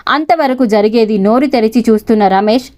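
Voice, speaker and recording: Female narrator for a serialized audio story; steady, expressive, fairly high voice. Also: brisk.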